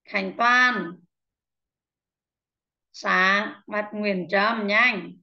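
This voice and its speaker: This online English lesson features a woman with a mid-range voice patiently drilling vocabulary pronunciation. She repeats each word slowly and addresses students by name, and the video call audio is slightly muffled.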